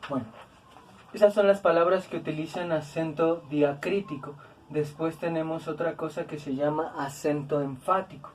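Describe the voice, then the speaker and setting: A woman's voice: sits low, fairly even intonation, normal speed, darkish tone, distant mic, a little hiss or hum. A woman teaching a grammar lesson, patient and repetitive, with tag questions and fillers. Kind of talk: explanatory lesson.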